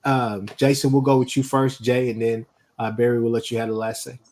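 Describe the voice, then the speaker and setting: Male host, mid-pitched, easygoing, steering the panel. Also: flat delivery, fairly quick, a little mellow. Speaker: podcast host. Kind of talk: casual sports podcast hosting.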